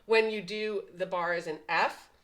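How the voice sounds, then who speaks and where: Woman piano teacher, low-ish voice, patient, counts beats aloud; loud piano playing under her. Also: steady tone, measured pace, rough recording. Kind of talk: step-by-step piano tutorial. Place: at a piano, indoors.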